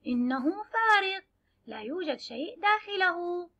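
Slow, bright-voiced kindergarten teacher woman. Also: very high-pitched, lively intonation, gravelly. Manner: slow, drawn-out sounding of letters and words for small children. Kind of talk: children's lesson.

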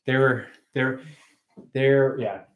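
A man's voice: mid-range voice, fairly even intonation, drawn-out words. Co-host, man, 30s, easygoing rambler, kitchen webcam livestream. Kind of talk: casual livestream chat. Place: home kitchen, indoors.

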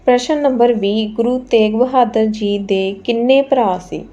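A woman's voice: on the high side, unhurried, dark tone, lo-fi sound. A woman, teaching an exam quiz lesson, reading out each question and its options and then giving the answer politely and patiently.

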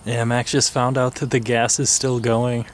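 A man's voice: medium pitch, normal speed, a little hiss or hum. Young man chatting while exploring. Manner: relaxed, chatty, narrates finds. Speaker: urban explorer host. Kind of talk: casual exploring chat. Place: abandoned housing complex, outdoors and in empty apartments.

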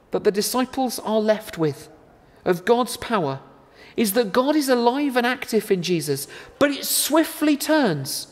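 A man in his thirties delivering a sermon to camera in a measured, earnest, deliberate way. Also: sits high. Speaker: preacher. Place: large church interior. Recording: long church reverb.

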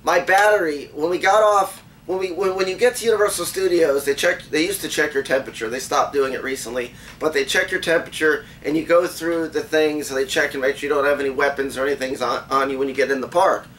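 A man's voice: a little high, quick pace, few pauses, a bit bright. A man hosting a casual vlog outdoors at a theme park, talking into a handheld camcorder in a chatty, self-mocking way. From Florida. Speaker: vlog host. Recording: noisy outdoor camcorder audio.

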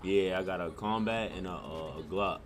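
A man's voice: sits low, normal speed. A man in his twenties livestreaming a game, joking crudely and talking to his chat. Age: 20s. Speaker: streamer. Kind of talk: casual gaming livestream chat.

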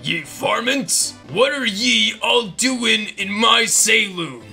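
A man voicing a hotheaded echidna who puts on a cowboy drawl, with a gravelly, lively voice. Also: high voice, slow, faint music behind, exaggerated voice. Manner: gruff drawl with cowboy slang. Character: hotheaded red echidna putting on a cowboy act.

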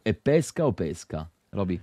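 An Italian man streaming and chatting with friends, mocking and teasing, swinging between low mutters and loud outbursts. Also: animated, a little fast. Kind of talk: casual streaming chat.

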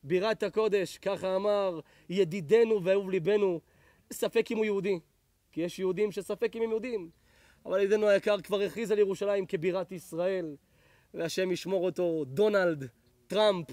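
A middle-aged man, a rabbi, giving a lively Torah lesson to an audience, telling stories in a hushed voice and rising into loud blessings. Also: high voice, no room sound. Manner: animated, drops to hushed tones for stories, then rises to loud blessings.

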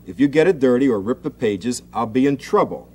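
A man's voice: medium pitch, animated, a little fast, husky. A man reading a children's story aloud and voicing a stern, scolding older brother. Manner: scolding, then softer.

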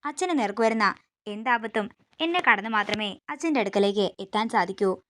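A woman voicing a grieving older mother figure who fears for her husband, read softly within a recap. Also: medium pitch, expressive, a little fast, slight background noise, natural voice. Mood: sorrowful.

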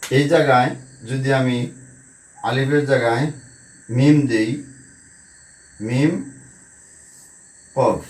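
A man teaching Quranic letter sounds, repeating each syllable patiently with a sharp stop. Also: mid-range voice, steady tone, measured pace, long pauses. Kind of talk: slow recitation drill lesson. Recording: roomy echo, mic at a distance.

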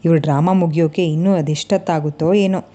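A woman's voice: low voice, steady tone, quick pace, dark tone. A woman voicing an impatient woman who mutters scornfully to herself. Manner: grumbling, scornful.

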